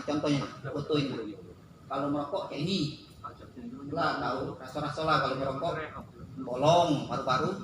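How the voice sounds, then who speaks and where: Animated man presenting in an echoey hall. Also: high voice, a little hiss or hum. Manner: acts out dialogues with playful voices. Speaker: workshop presenter. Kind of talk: lively seminar talk.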